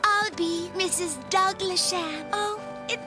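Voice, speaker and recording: Olga, a very high sugary cartoon bride. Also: female voice, slow. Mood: gushing. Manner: gushing, sugary and earnest. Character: sweet, gushing, perfect young woman bride-to-be. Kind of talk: cartoon voice acting. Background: loud music.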